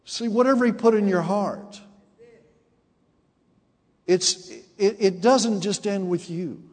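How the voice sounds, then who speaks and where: A man's voice: high-pitched, slow, darkish tone, in a large hall. A man in his forties preaching a sermon, calling out to his congregation and building to emphatic peaks. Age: 40s. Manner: call-and-response preaching, rising to emphatic peaks. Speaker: pastor.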